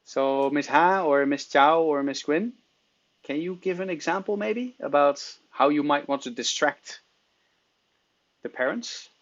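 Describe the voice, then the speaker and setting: A man informally leading a class discussion as facilitator, encouraging and quick to acknowledge people's answers. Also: a little high. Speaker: course facilitator. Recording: dull, lo-fi call audio.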